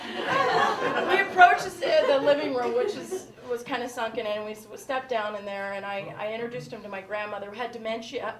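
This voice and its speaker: A woman comedian telling a stand-up story in an animated way, acting out the people in it. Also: a little high, a little fast. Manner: animated, voices characters. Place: comedy club. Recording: echoey comedy club, loud crowd, far mic.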